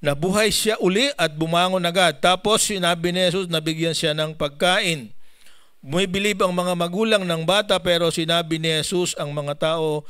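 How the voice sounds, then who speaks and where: A man's voice: high-pitched, moderate pace, fairly bright tone, clean tone. A male pastor with a Filipino accent preaching a sermon, joking and often asking the congregation questions. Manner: jokey, asks the congregation questions, mixes English into his talk.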